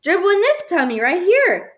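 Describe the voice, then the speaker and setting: A woman's voice: extremely high pitch, very animated, moderate pace, voice pushed up. A woman voicing a mischievous toddler boy who babbles in short baby-talk phrases. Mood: gleeful.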